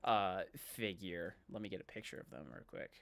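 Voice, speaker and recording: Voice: sits low, moderate pace, vocal fry. A game master narrating an improvised tabletop game.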